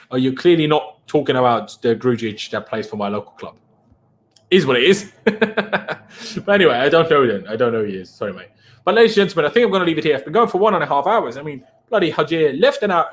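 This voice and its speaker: On his casual football channel live stream, a young native German speaker with a German accent answers viewer questions. He's chatty and animated, with a medium-pitched voice.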